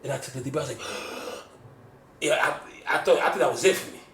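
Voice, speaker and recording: A man telling a personal story on a casual podcast, animated and repeating phrases like "you feel me". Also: on the high side, very fast, echoey room, slight background noise. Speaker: podcast host.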